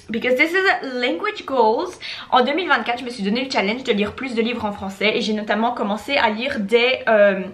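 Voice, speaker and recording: A young woman from Belgium records a casual talking-head vlog about language learning in a fairly high, slightly bright voice. She often restarts her sentences and slips into English partway through.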